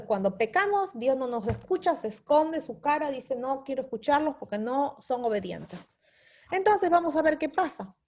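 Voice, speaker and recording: A woman teaching a Bible study lesson, explaining step by step and checking in with her listeners with a repeated "¿sí?". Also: a little high.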